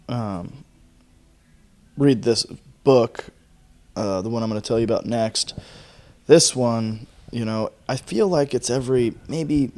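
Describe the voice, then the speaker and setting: A man's voice: mid-range voice, a little mellow. A young man hosting a casual fireside book chat, tired and rambling, swearing freely with sighs and yawns. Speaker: podcast host.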